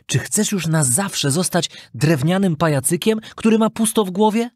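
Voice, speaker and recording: A storyteller voicing a wise talking cricket who lectures in a calm, admonishing way. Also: mid-range voice, moderate pace, no echo, clean studio sound, pitched above the performer's own voice, natural voice. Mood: stern. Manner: preachy, admonishing.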